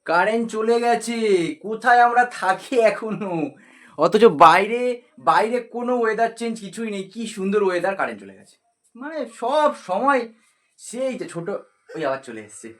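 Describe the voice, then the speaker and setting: Chatty young dad vlogging at home. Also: male voice, sits high, expressive, moderate pace, a bit bright. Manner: chatty, coaxing a small child. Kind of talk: casual daily-life vlog chat. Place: village home, partly outdoors in rain.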